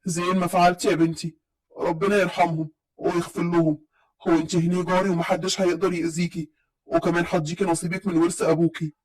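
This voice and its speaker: A woman playing an elderly village patriarch from Upper Egypt in a storybook tale. He is affectionate but stern, with an Upper Egyptian accent, and his lines are read at a brisk pace. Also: sits high, flat delivery, voice pushed down, poor audio. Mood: tender.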